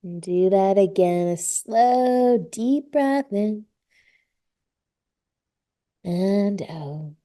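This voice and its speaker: A woman teaching a live yoga class, giving slow, soothing cues and drawn-out breath prompts. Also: mid-range voice, animated, mellow. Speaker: yoga instructor. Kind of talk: guided yoga class instruction.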